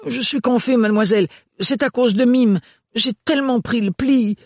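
A man's voice: very high-pitched, normal speed, no echo, studio quality, voice pushed up. A man voicing a big, good-hearted male servant with blunt, folksy working-class speech. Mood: hearty.

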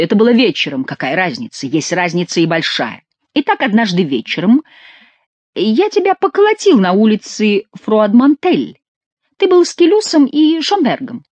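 A sly Gascon jester who mocks his king with cheeky familiarity, put on by a woman narrator. The voice leaps up and down with lively pitch. It sits close and dry, with no room around it. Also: husky, dry recording. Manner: teasing, mock-familiar.

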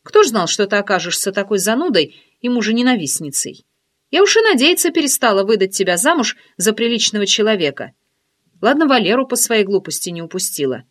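A woman voicing a brash, talkative female friend who teases and scolds in a lively, bossy way, in an audiobook. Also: medium pitch, brisk. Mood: teasing. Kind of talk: audiobook character voice.

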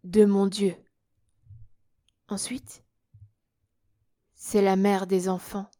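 A woman voicing a hypnotized prince who gives slow, halting answers in a trance in an audiobook. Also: mid-range voice, level tone, warm tone. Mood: entranced. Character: hypnotized prince, grown man, dazed and obedient.

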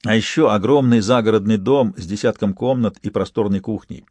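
A man narrating an audiobook in a lively, expressive storytelling manner. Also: fairly low pitch, brisk, husky, dry recording. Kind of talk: scripted narration.

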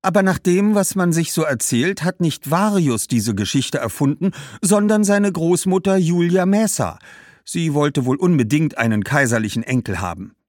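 A man voicing Cassia, an excited Roman woman eagerly spreading news and gossip in a high voice. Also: moderate pace, dry recording, clean studio sound.

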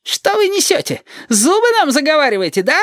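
A brash young cop, put on by an audiobook reader, who shouts and sneers as he tries to sound tough. His voice is pitched far above the reader's own and jumps about a lot, and the recording is dry. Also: sing-song, brisk, no room sound, heavily acted. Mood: scornful. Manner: shouting, rude and mocking. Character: young blond cop trying to act tough.

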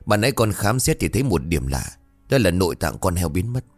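A man's voice: deep voice, sing-song, brisk, no echo, faint music behind. A man voicing a village watchman who explains things firmly and confidently. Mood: assured. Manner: firm, explaining. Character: stout village watchman, sure of himself.

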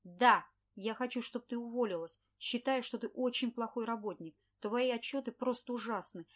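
A woman reading an audiobook, voicing a harsh, scornful male office boss who shouts at his employee. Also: fairly high pitch, normal speed, close to an everyday voice. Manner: shouting, contemptuous. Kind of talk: audiobook character voice.

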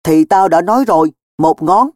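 A man voicing a sly, defensive teenage boy who talks loud and high, always protesting. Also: expressive, normal speed, dry recording, studio quality. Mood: cheeky.

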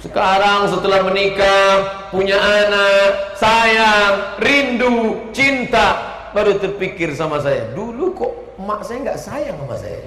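A man from Indonesia preaching a lively, humorous sermon, joking with the crowd and shouting out lists for emphasis. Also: high-pitched, takes it slowly. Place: large hall with a stage. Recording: echoey hall with long reverb.

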